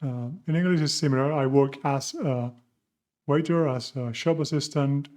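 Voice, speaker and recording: A man's voice: medium pitch, normal speed, darkish tone. A man teaching a beginner language lesson, patiently asking questions and answering them himself. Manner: patient, asks questions and answers them, mixes English and Spanish. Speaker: Spanish teacher.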